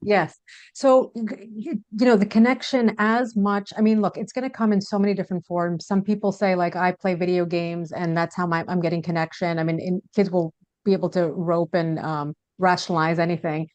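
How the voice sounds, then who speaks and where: A woman panelist explains her points informatively, with some "you know" fillers. Her voice is fairly low, and the recording is close and dry. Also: flat delivery, a little fast, a little mellow, no echo, highs cut off. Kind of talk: panel discussion.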